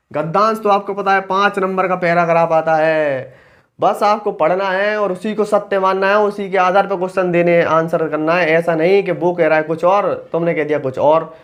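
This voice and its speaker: Young male exam coach, high-pitched, blunt and colloquial, teasing the examiner. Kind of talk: exam analysis talk to aspirants.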